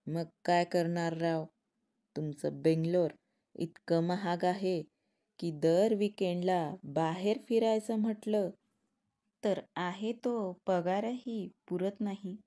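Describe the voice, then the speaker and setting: A woman voicing a joking young male software engineer who teases his colleagues. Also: fairly low pitch, fairly even intonation, takes it slowly. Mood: grumbling. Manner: teasing, joking.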